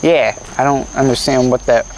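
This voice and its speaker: Male camera operator, creaky mid-range voice, casual chat over faint cricket noise. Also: mid-range voice, fairly even intonation, moderate pace, darkish tone, low-quality recording. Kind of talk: casual chat during a ghost hunt.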